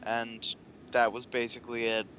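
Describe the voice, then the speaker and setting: A man playing a tabletop game, deliberately describing what his character does. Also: mid-range voice, monotone, pushed and bright, a little hiss or hum, poor audio. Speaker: player.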